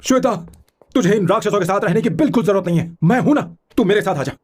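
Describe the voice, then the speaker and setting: A man's voice: sits high, fast talker, slightly rough. An actor dubbing a lovesick young man who is a devoted brother, speaking emotional, pleading film dialogue. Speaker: film hero, Hindi dub.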